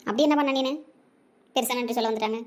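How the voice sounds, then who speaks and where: A woman's voice: a little high, fairly even intonation, quick pace, lightly acted. A woman voicing a fussy, suspicious grandmother in her later years who scolds and wails over being slighted. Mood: scolding. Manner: scolding, wailing complaints. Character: fussy, suspicious elderly grandmother, quick to take offense.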